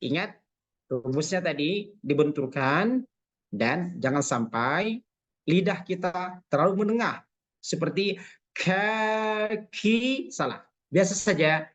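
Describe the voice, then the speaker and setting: Slow, patient man teaching pronunciation. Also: a little high, lively intonation. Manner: patient, repeats sounds slowly to demonstrate. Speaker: Quran recitation teacher. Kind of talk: online pronunciation lesson. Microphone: video call microphone. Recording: dull lo-fi online call audio.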